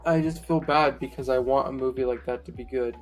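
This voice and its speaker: A man's voice: mid-range voice, steady tone, fairly quick. Blunt, foul-mouthed young man. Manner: blunt and profane, sarcastic. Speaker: co-host. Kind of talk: casual movie review chat. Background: lo-fi music.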